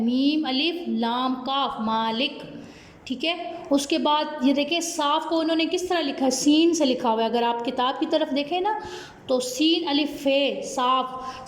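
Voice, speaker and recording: A woman's voice: high-pitched, echoey room. A woman teacher with a Pakistani Urdu accent, patiently spelling out words letter by letter for young children in an online class. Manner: slow, patient spelling out of letters, repeating "ठीक है?". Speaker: primary school teacher.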